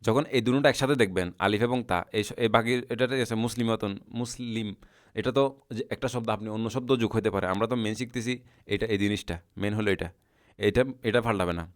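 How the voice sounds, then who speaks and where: Low-voiced man teaching Arabic word endings. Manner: patient, repeats words slowly for students. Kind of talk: recorded lesson explaining a chart.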